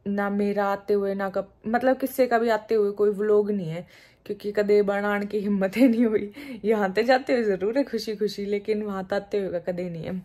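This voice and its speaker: A woman's voice: mid-range voice, a little mellow. A woman in her thirties with a Haryanvi accent, chatting casually to her phone camera at home in a homely, laughing way. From Haryana, India. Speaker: vlogger. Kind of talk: casual vlog talk to camera. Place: indoors at home, seated. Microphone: phone held at arm's length.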